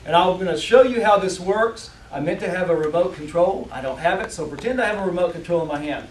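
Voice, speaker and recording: A man giving a rehearsed motivational speech to an audience, with deliberate, emphatic phrasing and dramatic pauses. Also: sits high. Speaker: competition public speaker. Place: indoor room, speaking to a live audience. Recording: roomy, distant mic, faint background noise.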